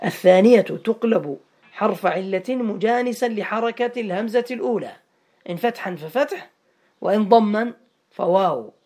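A man's voice: high voice, normal speed, a little mellow. A man teaching an Arabic grammar lesson online, quizzing students by name and repeating words for them.

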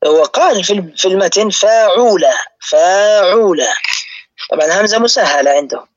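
A man teaching a lesson on word patterns, who speaks slowly and repeats each pattern for his students. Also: high-pitched, expressive. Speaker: teacher of Arabic morphology. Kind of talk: live online lesson. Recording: muffled lo-fi audio.

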